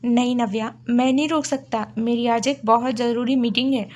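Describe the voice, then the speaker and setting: A playful, stubborn young businessman teases his wife and talks his way around her, as a woman narrator reads him. The voice is fairly high for a man. It is part of a storybook reading. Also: fairly even intonation, moderate pace, a little mellow, natural voice. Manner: playful and teasing.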